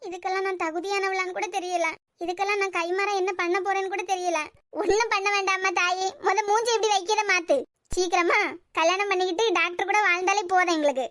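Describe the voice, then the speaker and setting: Woman, Kanyakumari Tamil accent, very high voice, fast, dry close sound. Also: fairly even intonation, a bit bright, dry recording. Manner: emotional, heartfelt dialogue. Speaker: cartoon voice artist. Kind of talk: cartoon serial voicing.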